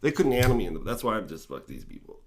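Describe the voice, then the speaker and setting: A man ranting on a live stream about cannabis laws, swearing constantly, and high while he talks. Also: sing-song, fast talker, noisy background. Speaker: cannabis vlogger. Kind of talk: profane live stream rant.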